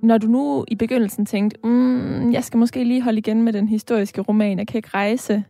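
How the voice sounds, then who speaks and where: A woman hosting a literary interview who asks measured, guiding questions. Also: on the high side, steady tone, creaky, warm tone, dry recording, soft background music. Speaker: radio/podcast host.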